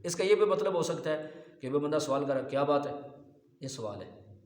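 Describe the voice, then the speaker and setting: A man's voice: fairly high pitch, expressive, darkish tone. A man giving a sermon as an Islamic preacher, in a rhetorical manner, often asking his listeners whether they follow. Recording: echoey hall reverb.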